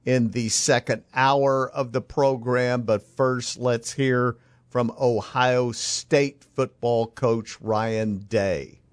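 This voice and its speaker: A man's voice: medium pitch, fairly even intonation, slow, no room sound. A man hosting a sports talk radio show, with processed broadcast sound. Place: dry radio studio.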